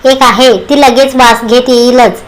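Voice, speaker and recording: A furious young wife who gives sharp, stubborn answers in a storybook reading, voiced by a woman. She speaks in a high voice. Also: steady tone, unhurried, close to an everyday voice, low-quality recording. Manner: angry and cutting.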